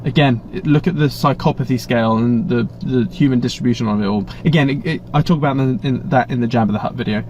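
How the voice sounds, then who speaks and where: He talks quickly, barely pausing, in a mid-range, darkish voice: an English man hosting a casual live stream and reading viewer chat aloud. Expect rambling chatter, blunt asides and many restarts. The audio, from a webcam setup, is slightly muffled with slight background noise.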